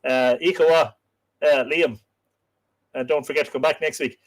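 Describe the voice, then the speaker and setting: A man's voice: a little high, steady tone, moderate pace. A man with an Irish accent and a lilting storyteller's delivery, hosting a casual live stream and chatting through viewer comments. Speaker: host and storyteller of a live myths show.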